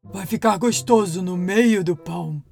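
A woman voicing a big, slow-witted, hungry male monster in a storybook, with a gruff, drawling manner. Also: medium pitch, over music.

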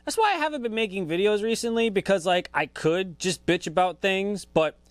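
Brief: podcast host, man, twenties, laid-back and profane, slightly high voice, dry close sound. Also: brisk, no room sound. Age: 20s. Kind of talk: casual podcast monologue.

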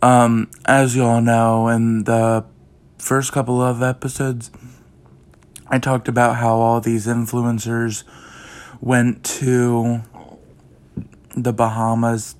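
A man's voice: mid-range voice, flat delivery, slow pace, pauses often, a little mellow. A young man hosting his own podcast, chatting casually and rambling with lots of fillers. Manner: rambling, heavy use of "like" and "um". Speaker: podcast host. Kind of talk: casual chat.

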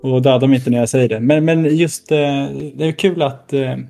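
Mellow-voiced man chatting about games. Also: mid-range voice, soft background music. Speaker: podcast co-host. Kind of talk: casual gaming chat.

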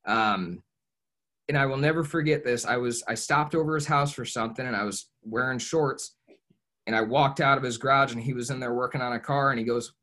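A man's voice: mid-range voice, a little fast, bright, forceful tone. A young man from Ohio, a podcast guest telling his story in an earnest, reflective way, often restarting and saying "you know". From Ohio, USA. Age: young adult. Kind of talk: casual podcast interview.

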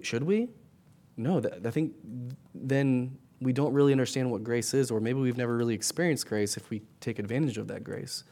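A man's voice: mid-range voice, darkish tone. Middle-aged man preaching in a chatty way. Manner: conversational preaching with frequent tag questions; repeats and restarts words. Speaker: pastor. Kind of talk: sermon.

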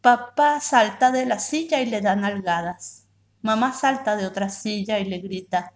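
A woman, a reading promoter, telling a children's story aloud in a measured, expressive way. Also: mid-range voice.

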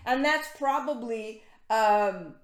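A woman preaching a sermon, reading scripture and explaining it earnestly, often repeating words and adding quick asides. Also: fairly high pitch, animated, echoey room.

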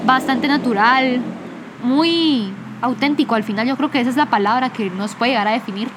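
A woman's voice: fairly high pitch, noisy background. A Guatemalan woman co-hosting a podcast, chatting casually and using vos forms. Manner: chatty, quick to laugh, uses vos forms. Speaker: podcast co-host.

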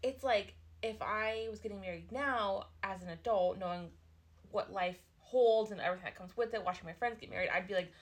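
A woman's voice: medium pitch, a little fast. A young woman recorded in an attic, talking casually and reflectively as a podcast co-host, in a reassuring way. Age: young adult. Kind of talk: casual personal chat.

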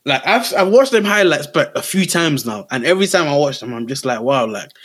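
A man's voice: fairly high pitch, sing-song, fairly quick, fairly bright tone, breathy edge. A young man with a London roadman accent chatting casually about sport, slangy and emphatic, often repeating phrases for effect. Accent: London, urban roadman slang. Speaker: football podcast co-host.

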